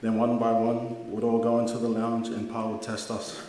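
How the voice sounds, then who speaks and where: Young guy reading a family eulogy, halting n sincere, big echoey hall, some noise. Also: medium pitch, completely flat delivery, mellow.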